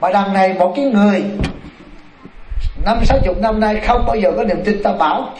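A man, a Buddhist monk telling a story in a dharma talk, animated and speaking straight to his listeners. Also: high-pitched, brisk. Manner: animated, addresses the audience directly. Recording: echoey room, mic far off, noisy.

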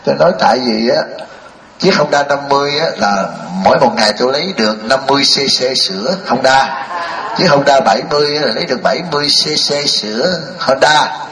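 A man's voice: mid-range voice, a little fast, fairly bright tone, a little hiss or hum. A man, a Buddhist monk giving a folksy, joking sermon and firing rhetorical questions at a live audience. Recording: echoey hall, mic at a distance.

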